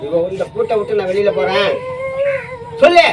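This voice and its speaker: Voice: mid-range voice, very animated, moderate pace. A temple oracle medium leading an exorcism ritual, questioning in a commanding, repetitive way. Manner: commanding, interrogating, repeats demands. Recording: distant mic with loud noise.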